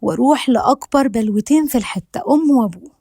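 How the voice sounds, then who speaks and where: A woman's voice: on the high side, expressive, racing, mellow, slightly rough, no room sound, clean studio sound. A woman voicing a teasing young woman, Egyptian accent. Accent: Egyptian Arabic. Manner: teasing, playful banter. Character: lively young woman, joking and quick-tongued.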